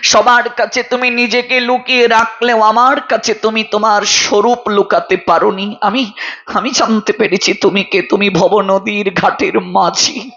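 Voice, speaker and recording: A man's voice: high voice, little pitch movement, measured pace, pushed and bright, highs cut off, heavily acted. A man voicing a lonely, poor servant woman who weeps and pleads in a sermon retelling. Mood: devout awe. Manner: tearful pleading.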